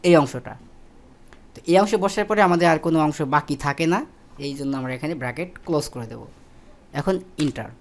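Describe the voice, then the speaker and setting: Man explaining a spreadsheet lesson step by step. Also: on the high side. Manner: step-by-step explaining, with fillers and self-corrections. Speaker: instructor. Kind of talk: screen-recorded spreadsheet tutorial.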